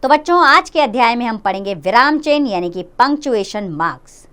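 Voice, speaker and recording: Woman teaching kids grammar, hindi accent, friendly and explainy, pitch jumps around a lot. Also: lively intonation, a little fast, fairly bright tone, clear, resonant tone. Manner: friendly, explanatory, addresses children directly. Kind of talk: children's grammar lesson.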